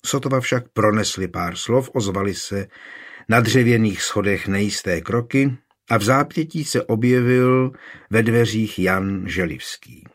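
Male narrator, low voice, calm measured storybook reading. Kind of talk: audiobook narration.

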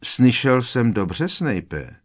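A grizzled old hunter of dark wizards growls his words slowly, with a quiet threat under them, as a male narrator puts him on. The voice is deep and rough, a storybook bruiser. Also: sing-song. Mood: menacing. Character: gruff, grizzled older male monster hunter. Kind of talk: audiobook character voice.

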